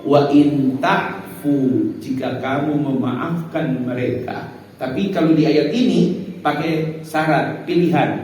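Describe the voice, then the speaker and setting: A male preacher giving an animated mosque sermon, acting out prayers and speaking to the congregation. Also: on the high side, slow pace, a little hiss or hum. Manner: lively, animated, acts out prayers, addresses audience as Pak. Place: mosque hall. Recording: very echoey hall, mic far off.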